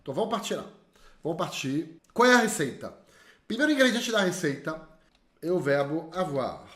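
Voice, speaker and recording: A man teaching online, lively and drilling learners to repeat slowly after him. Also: fairly high pitch. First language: French. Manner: spells out sounds slowly and carefully. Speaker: French teacher. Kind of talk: online language lesson. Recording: echoey room.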